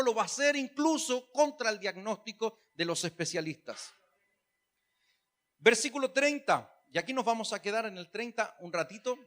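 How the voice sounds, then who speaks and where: A man's voice: very high-pitched, bright, forceful tone. A man preaching a sermon, chatty and humorous, then rising to emphatic calls. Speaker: pastor.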